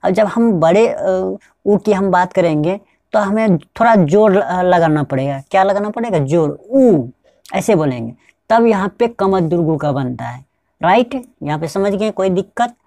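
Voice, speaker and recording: A woman's voice: mid-range voice, animated, normal speed, mellow, no echo, clean studio sound. A woman teaching pronunciation step by step, repeating each point and asking the viewers if they understand. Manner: repetitive, keeps asking the viewers rhetorical check-in questions. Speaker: spoken English teacher.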